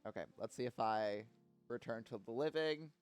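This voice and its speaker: A man's voice: mid-range voice, normal speed, clear, resonant tone. A man chatting casually on a live stream in a playful, self-mocking way over faint music.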